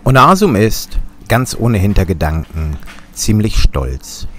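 A man's voice: fairly low pitch, sing-song, takes it slowly, fairly bright tone. A German man narrating a sailing vlog in a wry, dryly humorous voice-over.

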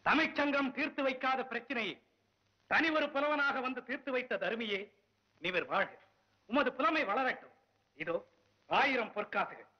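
An actor playing a dignified male king in a 1960s film, making slow, formal pronouncements. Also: extremely high pitch. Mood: grand. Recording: dull old film soundtrack.

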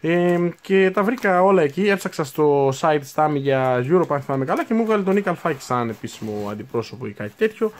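A man's voice: fairly high pitch, animated, hardly any pauses. A man in his twenties chatting casually as he unboxes new hobby supplies, thinking aloud and correcting himself as he goes. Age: 20s. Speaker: unboxing video host.

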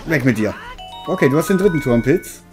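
A man's voice: medium pitch, lively intonation, fairly quick. A man giving casual game commentary as a let's player, with a dry, mildly grumbling manner. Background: game music.

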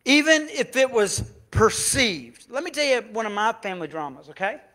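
A pastor, preaching a sermon in a church and telling a story, moving between loud preaching and hushed confession. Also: male voice, very high voice, big pitch swings, normal speed.

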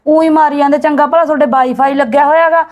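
A woman's voice: high voice, steady tone, quick pace, a little mellow, muffled recording, close to an everyday voice. A woman acting as an outspoken young village woman in a homemade family drama, talking in a blunt, scolding and insistent way.

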